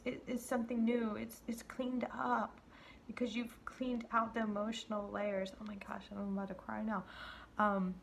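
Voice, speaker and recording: A woman reading tarot cards for her viewers in a soft, halting way. She has a gravelly, creaky edge to her voice and often restarts her sentences or drops to a whisper. A faint hiss of room noise sits behind her. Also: on the high side. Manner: gentle, halting, many fillers and restarts. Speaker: tarot card reader. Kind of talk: intuitive card reading to viewers.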